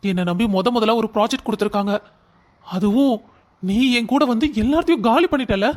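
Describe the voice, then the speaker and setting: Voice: medium pitch, brisk, natural voice. A performer voicing an irritable scolding young man. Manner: scolding, exasperated. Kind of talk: cartoon drama voice acting.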